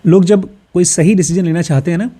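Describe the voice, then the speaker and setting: This man's voice is high-pitched, husky and dark, and he speaks briskly. He's a course teacher from Uttar Pradesh, India, casually walking through a self-help book by reading English passages aloud and relating them to everyday personal examples.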